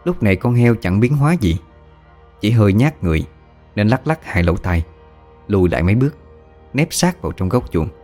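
Deep-voiced story narrator. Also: male voice, brisk, long pauses, soft background music. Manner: steady, storytelling. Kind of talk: first-person audio story narration.

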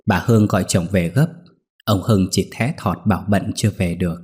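Low-voiced male storyteller. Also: moderate pace. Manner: lively storytelling. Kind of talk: audio story narration. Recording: faint background music.

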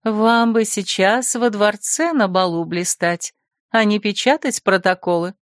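A composed noblewoman teacher who speaks calmly and slowly with a touch of dry irony, as voiced by a woman narrator. The sound is dry and close. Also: medium pitch, dry recording, natural voice. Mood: soothing. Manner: composed, gently wry. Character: calm aristocratic female teacher, rector's wife.

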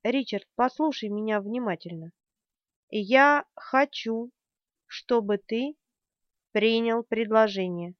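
A woman's voice: on the high side, takes it slowly, no room sound, dull audio. A woman voicing a harsh, commanding young woman. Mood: insistent. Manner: forceful, shouting. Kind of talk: audiobook character reading.

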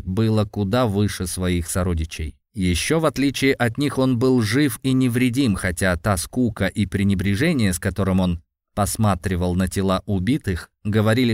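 A man's voice: lowish voice, a little mellow, dry recording, clean studio sound. A man reading scripted fantasy fiction as a dramatic audiobook narrator.

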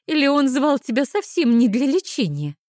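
A woman voicing a pushy, shrill young friend. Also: sing-song, moderate pace, no room sound, studio quality. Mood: sceptical. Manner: loud, insistent, shrill exclamations. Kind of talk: audiobook character voice.

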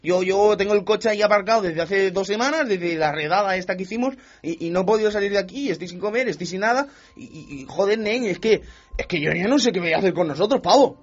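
A man's voice: high voice, fast. A man doing a rowdy slangy club kid. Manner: rowdy, slangy, stammering, loud. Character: brash young male tuning fan and club DJ. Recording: dull radio studio sound with faint music.

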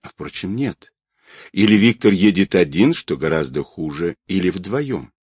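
A man's voice: sits low, lively intonation, measured pace, darkish tone, slightly rough, dry recording, full character voice. A man reading a cold scheming woman boss. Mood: brooding. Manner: curt, commanding.

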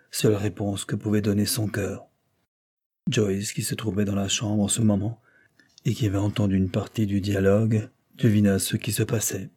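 Male audiobook narrator, low and husky, reads in a steady, measured way. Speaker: audiobook reader. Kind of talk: scripted narration.

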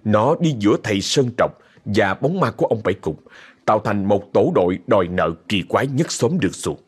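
Husky male ghost-story narrator. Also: lowish voice, brisk. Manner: expressive, vivid storytelling.

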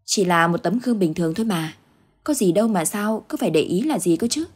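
Woman reading as an anxious, stubborn old village husband; low, husky voice. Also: expressive, brisk. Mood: denying.

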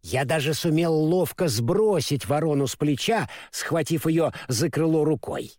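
Man voicing a high, bouncy scarecrow who trips over his words; storybook, dry close sound. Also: measured pace, a little mellow, no room sound. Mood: storytelling. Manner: stammers, mixes up words then corrects himself. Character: clumsy naive straw scarecrow, male, cheerful. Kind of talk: storybook reading.

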